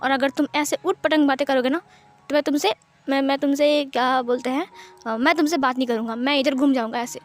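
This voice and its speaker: A woman's voice: sits high, fairly even intonation, brisk, soft background music, natural voice. Teasing possessive husband, read by a woman. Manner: teasing, bossy, then soft and doting. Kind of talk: storybook dialogue reading.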